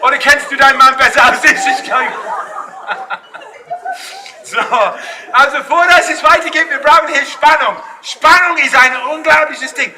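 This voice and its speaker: A man working as a street performer, joking loudly with a festival crowd in broken German mixed with English, often shouting. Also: extremely high pitch. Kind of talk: live street show banter with the crowd. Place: outdoor town square at a street festival. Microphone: no mic, filmed from a distance. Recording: distant outdoor camera audio with crowd and noise.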